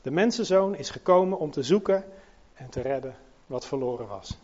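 High-voiced man preaching with emphatic swings. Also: animated, moderate pace, highs cut off. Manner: emphatic, swinging between loud high peaks and soft low passages. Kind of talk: sermon.

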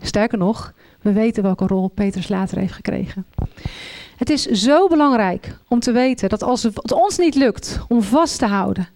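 A middle-aged woman preaching a sermon, telling Bible stories with lively voices for the figures. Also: medium pitch, normal speed, slight background noise. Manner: animated storytelling, acts out voices in the reading.

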